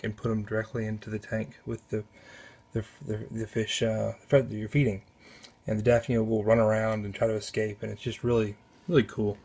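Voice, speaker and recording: Low gravelly man rambling off-camera. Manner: relaxed, halting, with many restarts and self-corrections. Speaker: aquarium hobbyist. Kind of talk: casual off-camera commentary. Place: spare upstairs bedroom at home.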